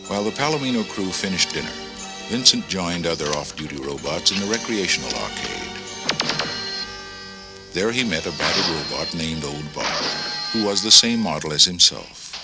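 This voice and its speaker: A male narrator with a deep voice tells a scripted storybook adventure. Loud music plays behind him. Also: sing-song, normal speed.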